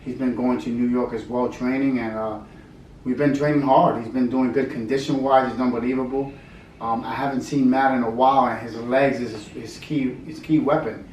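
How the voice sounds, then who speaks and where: A man's voice: mid-range voice, steady tone, moderate pace, a little mellow, far from the mic. A middle-aged man, a fight trainer and former fighter, giving casual answers in an interview. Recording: echoey room, off-mic, faint background noise.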